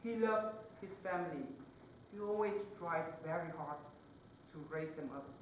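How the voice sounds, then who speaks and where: A young man from Vietnam, giving an earnest, halting closing argument to a jury in a mock trial. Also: on the high side, a little hiss or hum. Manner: earnest, halting, with many pauses between phrases. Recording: echoey room, voice far from the mic.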